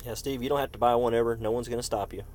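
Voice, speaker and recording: A man's voice: mid-range voice, steady tone, racing, darkish tone. Chatty man streaming a golf game. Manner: chatty, answers chat viewers by name. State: coughing fits. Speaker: gaming streamer. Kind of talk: casual live-stream commentary.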